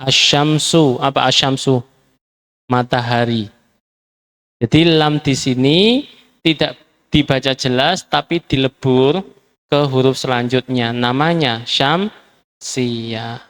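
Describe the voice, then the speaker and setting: A man's voice: medium pitch, slow, long pauses, a bit bright. A man teaching a classroom lesson, patiently drilling words by repeating them. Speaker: Arabic teacher.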